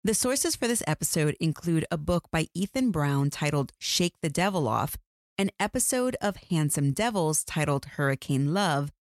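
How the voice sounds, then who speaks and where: A woman's voice: low voice, dry recording, clean studio sound. A woman hosting as a true crime narrator, reading a script with folksy, informal asides straight to the listeners. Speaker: true crime podcast host.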